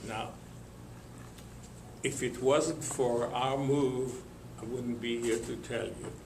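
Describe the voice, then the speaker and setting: An older man from Lithuania, telling his life story to an audience in a slow, halting way with many pauses and fillers. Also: medium pitch, fairly even intonation, vocal fry, reverberant, a little hiss or hum. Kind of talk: spoken testimony to an audience.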